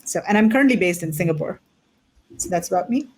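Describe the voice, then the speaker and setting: A woman introducing herself on a panel in a clear, orderly way. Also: fairly low pitch, animated, fast talker, a little mellow. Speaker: panelist, sourcing specialist.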